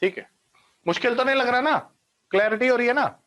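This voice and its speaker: A biology teacher with a very high-pitched, brisk, fairly bright voice runs an online class. He explains step by step, drops in English science terms, and keeps checking that his students are following.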